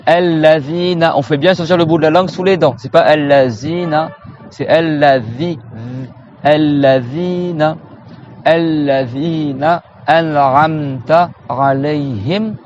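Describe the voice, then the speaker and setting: French man slowly drilling Arabic sounds. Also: medium pitch, darkish tone, highs cut off, slight background noise. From France. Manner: repeats Arabic sounds slowly for students to echo; casual, familiar, checks in with "d'accord?". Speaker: Quran recitation teacher. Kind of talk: informal pronunciation lesson.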